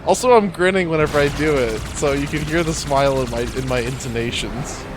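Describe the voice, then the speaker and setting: A man's voice: on the high side, fairly quick, over music. A man chatting casually while playing a game, laughing a lot and breaking into goofy freestyle bits. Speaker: co-host and gamer. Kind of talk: casual gaming chat.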